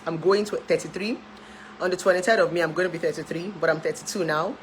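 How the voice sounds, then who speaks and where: Speaking fast in a lowish voice, this Nigerian-accented woman in her thirties talks to camera about her life as a relationship therapist, often laughing and switching into pidgin for her followers. A little hiss or hum runs under the low-quality recording.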